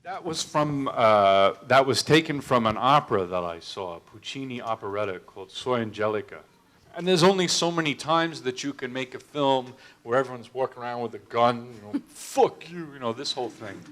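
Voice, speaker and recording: A man's voice: mid-range voice, fairly quick, a bit bright. Self-deprecating man telling stories. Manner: anecdotal, self-deprecating, restarts with stammered repeats. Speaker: film director. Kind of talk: storytelling talk at a public Q&A.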